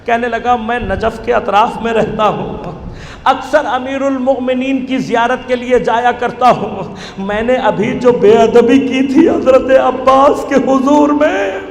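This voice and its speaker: A man's voice: very high-pitched, creaky. A male preacher giving a religious sermon, telling a story and building to impassioned, wailing appeals. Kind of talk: Shia majlis sermon. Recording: echoey hall recording, faint background noise.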